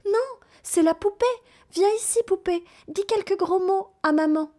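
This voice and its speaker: A woman voicing a small, sweet little girl in a storybook tale, high and pleading. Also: unhurried, warm tone.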